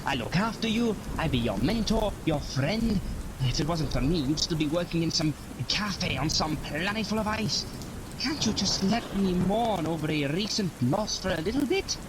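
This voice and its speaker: Man playing theatrical, secretive time-traveling mentor, animated pitch. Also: moderate pace, noisy background. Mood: stern, exasperated. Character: enigmatic, guilt-ridden male time-traveling alien mentor, evasive and grieving. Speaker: actor in audio drama.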